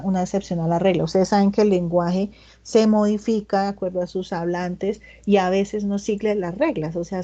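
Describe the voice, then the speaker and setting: Female English tutor lecturing over a video call, soft mellow tone, slightly lo-fi audio, patient and stepwise, reads examples slowly. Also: lowish voice. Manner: explains step by step, often checks in with "¿listo?". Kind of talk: online class lecture.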